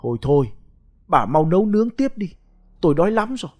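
A man's voice: fairly high pitch, very animated, a little fast, darkish tone, voice pushed up. A man voicing a fussy scolding old grandfather. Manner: raised, scolding.

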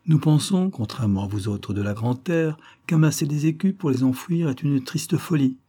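A man's voice: on the high side, lively intonation, normal speed, mellow, voice pushed up. A man reading aloud and voicing a proud, earnest nineteen-year-old island woman in a classic adventure novel.

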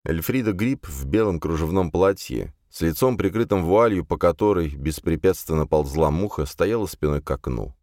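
Deep-voiced male audiobook narrator. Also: lively intonation, moderate pace, few pauses, a little mellow, no room sound, studio quality. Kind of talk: scripted narration.

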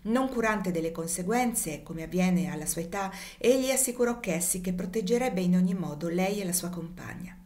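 A woman narrating a classic novel as an audiobook, with a steady, measured reading. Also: on the low side. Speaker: audiobook reader.

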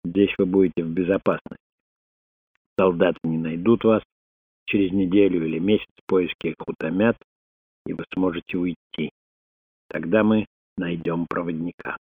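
A man voicing a solemn, guarded old male sorcerer in an audiobook, speaking in a grave, measured way. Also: deep voice, fairly even intonation, breathy edge, no room sound. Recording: dry, phone-like narrow sound.

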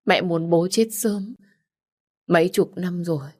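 A woman voicing a remorseful, dying older mother who confesses in halting, tearful phrases, read for an audiobook. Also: fairly low pitch, a little mellow. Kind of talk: audiobook character reading.

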